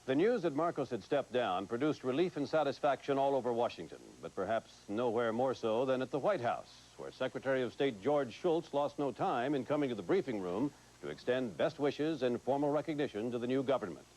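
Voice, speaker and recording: A man anchoring a TV news broadcast in a measured, clear delivery. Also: medium pitch, lively intonation, darkish tone, poor audio.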